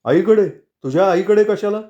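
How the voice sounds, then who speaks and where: Guy reading as a heated angry son, a bit higher than his usual voice, audiobook. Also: lively intonation, moderate pace, mellow, dull audio, close to an everyday voice. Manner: heated, raised voice. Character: angry adult son defending his mother.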